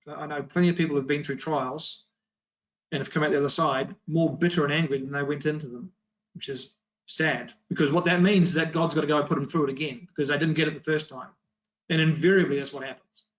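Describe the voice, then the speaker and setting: Emphatic higher-voiced man giving a Bible talk. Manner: emphatic, asks rhetorical questions. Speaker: Bible study speaker. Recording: dull lo-fi recording.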